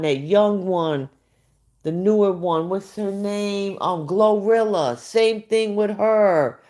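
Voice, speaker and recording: A woman's voice: medium pitch, darkish tone. A woman hosting a livestream, giving casual gossip commentary in a blunt, profane way and talking back to her viewers. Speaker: livestream host.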